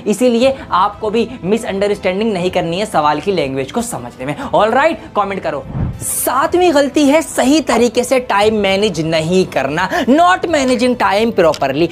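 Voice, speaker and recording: A woman teacher giving students emphatic warnings about exam mistakes, speaking straight to them. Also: fairly high pitch. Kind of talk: exam tips lesson to students.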